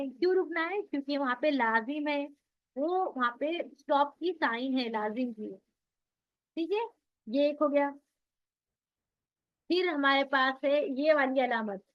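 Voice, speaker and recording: A woman teaching Quran recitation rules in an online class, who explains patiently and asks and answers her own questions. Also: high-pitched. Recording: dull lo-fi audio.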